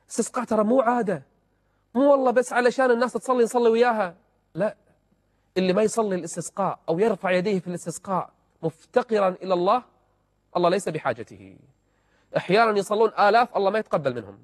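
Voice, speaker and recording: A man's voice: high-pitched, racing, dry recording, studio quality, long reverb tail. A man, a religious TV host and sheikh telling stories to viewers on a call-in show in a fervent, emphatic way. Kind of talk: preaching storytelling on a call-in show.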